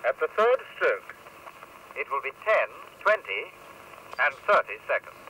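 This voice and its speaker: A man's recorded voice used as a talking clock, his words spliced together by the machine into measured, formal announcements. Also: medium pitch, very animated, highs cut off, a loud crowd. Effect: spliced-together recorded words, played back by a talking clock machine. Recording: echoey, distant, noisy playback.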